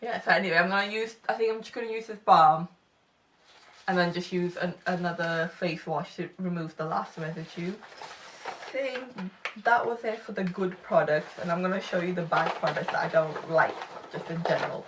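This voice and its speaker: A woman's voice: fairly low pitch, moderate pace, fairly bright tone, far from the mic, slight background noise. A woman in her twenties with a slight lisp, reviewing makeup in a chatty, self-deprecating way. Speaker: beauty vlogger. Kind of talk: casual product review.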